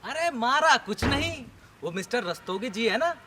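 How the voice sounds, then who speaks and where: A man's voice: very high-pitched, big pitch swings, normal speed, pushed and bright, a little hiss or hum, exaggerated voice. A man playing a fussy male neighbor who brings complaints and patiently repeats himself at length. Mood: complaining.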